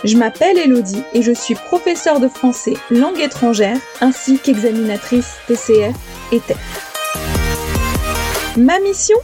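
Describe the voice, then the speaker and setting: A woman hosting a podcast language lesson, explaining pronunciation clearly and slowing down to spell out examples. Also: on the high side, over music. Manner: lively, clear teaching with slow, spelled-out examples. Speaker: French teacher and podcast host.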